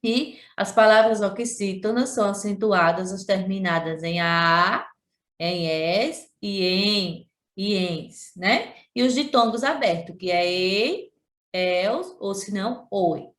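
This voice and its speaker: Slow Brazilian woman teacher, echoey room. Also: mid-range voice. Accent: Brazilian Portuguese, Sergipe. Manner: slow, drawn-out syllables when pronouncing example words; addresses pupils directly, repeats points. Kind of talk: remote class lesson.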